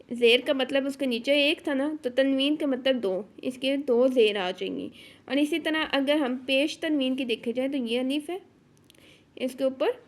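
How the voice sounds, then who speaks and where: A woman with a Pakistani Urdu accent teaching a tajweed lesson. She explains step by step and keeps checking in with her students. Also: high voice. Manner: patient, explains step by step with frequent check-ins. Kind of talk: online lesson explaining rules.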